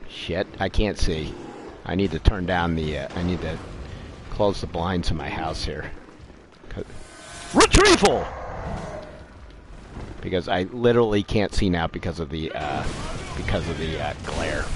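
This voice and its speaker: A man's voice: sits low, steady tone, normal speed. A middle-aged man giving casual gameplay commentary as a live streamer, in a grumbling, exasperated, sweary way. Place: room at home. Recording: clearly noisy home stream recording.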